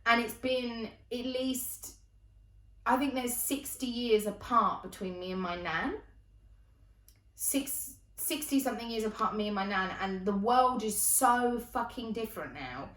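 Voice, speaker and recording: A woman, telling stories in a casual, animated, self-mocking way and swearing freely. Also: fairly high pitch, unhurried, far from the mic. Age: 20s. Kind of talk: casual storytelling monologue. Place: indoors, sitting on the floor. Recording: roomy echo.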